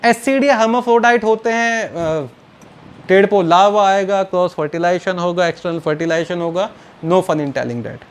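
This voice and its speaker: A man teaching a biology lecture to students, mixing Hindi and English and slowly repeating key terms, fondly calling them children. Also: high voice, clear, resonant tone. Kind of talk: recorded online lecture.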